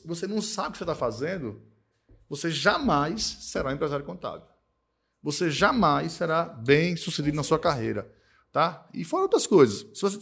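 A man's voice: a little high, creaky, a bit bright, breathy edge. Emphatic man. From Northeast Brazil. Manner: emphatic, repeats himself, tag questions "tá?" and "né?". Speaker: accounting firm owner, podcast guest. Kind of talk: casual podcast conversation.

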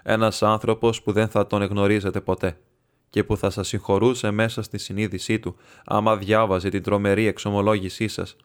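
A man voicing a meek, earnest older monk who speaks gravely and pointedly. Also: on the low side, flat delivery, close to an everyday voice. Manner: grave and piercing.

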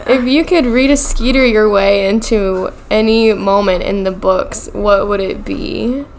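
Slow-talking giggly, tipsy woman. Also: mid-range voice, steady tone, darkish tone, slight background noise. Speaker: podcast co-host. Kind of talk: casual chat.

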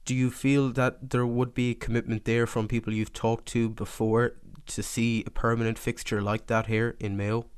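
Smooth, even-toned Irish male interviewer. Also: mid-range voice, normal speed, few pauses, dry recording, studio quality. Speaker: radio interviewer. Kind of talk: measured interview questioning.

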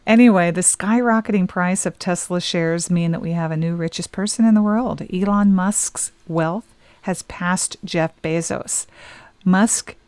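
Smooth-voiced woman co-hosting a chat show. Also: lowish voice, measured pace, a little mellow, dry recording. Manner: reads news items aloud, chatty asides. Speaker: podcast co-host. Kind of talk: casual chat reading entertainment news.

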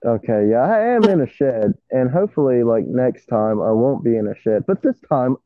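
A man's voice: mid-range voice, lively intonation, moderate pace, no room sound. Man on a muffled, tinny bad connection. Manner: laid-back, rambling with fillers. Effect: muffled, tinny call over a bad connection. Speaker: podcast co-host. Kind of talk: casual chat. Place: small metal shed. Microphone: phone or internet call. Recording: narrow phone-like line, dry.

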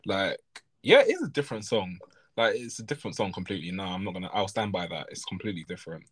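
A man's voice: low-pitched, sing-song, fast, husky. A man co-hosting a podcast in casual chat, rambling and correcting himself with frequent chuckles. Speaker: podcast co-host.

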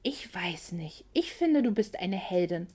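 A woman's voice: fairly low pitch, sing-song, measured pace, darkish tone, slightly rough, voice pushed down, heavily acted. A woman voicing a caring, cheerful young female friend in a storybook reading, upbeat and reassuring.

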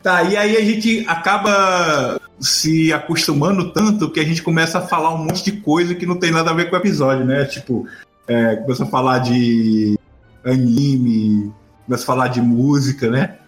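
A man's voice: fairly high pitch, fairly even intonation, normal speed, faint music behind. Chatty Brazilian man with a slight stammer. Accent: Brazilian Portuguese. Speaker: podcast co-host. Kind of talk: casual gaming podcast chat.

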